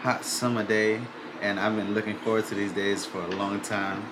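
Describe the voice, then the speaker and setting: A man hosting a podcast in casual chat, relaxed and saying "like" often. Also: lowish voice, moderate pace, heavy background noise. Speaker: podcast host. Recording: music playing behind.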